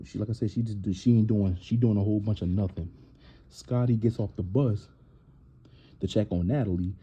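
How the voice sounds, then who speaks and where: A man's voice: sits low, dark tone, husky, dull audio. A man hosting a casual reality TV recap, blunt and opinionated, livening up when he quotes people.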